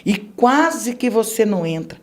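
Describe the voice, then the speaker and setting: A middle-aged Brazilian Portuguese-accented woman, appearing as a podcast guest, delivers an emotional religious testimony, vividly narrating and voicing the people in her story. She speaks in an animated, mid-range voice at a measured pace.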